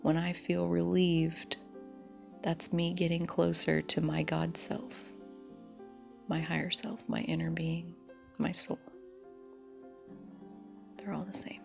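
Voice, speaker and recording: A woman reflecting aloud in a halting, personal way with long pauses, recorded dictaphone-style on a phone voice recorder, her breathy voice often trailing off toward a whisper. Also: fairly low pitch, little pitch movement, faint music behind. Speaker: solo storyteller.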